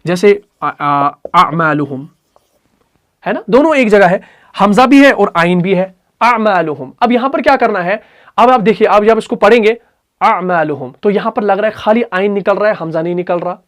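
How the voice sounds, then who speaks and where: Patient male tajweed teacher. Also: sits high. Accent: Urdu. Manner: patient, repeats letters and sounds slowly for practice. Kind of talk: Quran recitation lesson.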